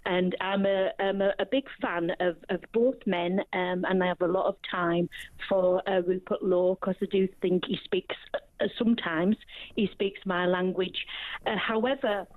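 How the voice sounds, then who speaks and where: A woman's voice: on the low side, fairly even intonation, a little slow, no room sound. Teesside woman on a tinny phone line. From northeast England. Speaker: radio phone-in caller. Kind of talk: casual opinion on a phone-in.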